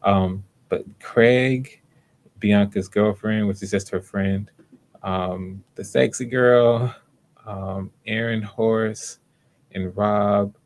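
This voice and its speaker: In a slightly mellow voice, the host and casting director of a livestreamed audition chats casually, low-key and hesitant, often repeating himself.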